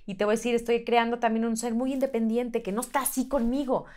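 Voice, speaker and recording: A woman talking on a podcast in a fairly high voice. She tells her stories with animation and slips into the voices of the people she quotes. The talk is loose and casual. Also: level tone, fast, warm tone. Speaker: podcast guest. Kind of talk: casual chat.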